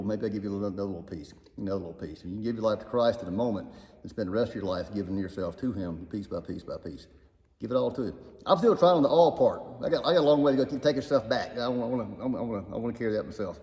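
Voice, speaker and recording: Fast-talking Southern man echoing in a barn. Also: lowish voice, animated, darkish tone. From Alabama, US South. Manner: fast-talking, self-deprecating. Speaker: guest speaker. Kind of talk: casual faith chat. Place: inside a barn. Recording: echoing inside a barn, long reverb.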